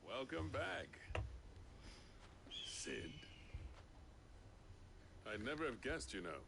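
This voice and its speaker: An actor playing a sharp-tongued, bitter male village chief with a gravelly voice. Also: mid-range voice, big pitch swings, extremely slow, background noise, full character voice.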